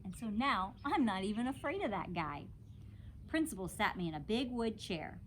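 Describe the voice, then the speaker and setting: Speaking in a mid-range voice at normal speed, this woman brings great animation to a children's story, narrating it expressively in a childlike first-person voice the way a teacher reads to kids. A faint hiss or hum sits under the recording.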